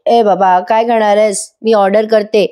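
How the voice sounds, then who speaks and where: A woman's voice: mid-range voice, steady tone, moderate pace, dark tone, smooth, lightly acted. A woman voicing a lazy young wife who argues back at her husband. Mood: dismissive. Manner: dismissive, argumentative.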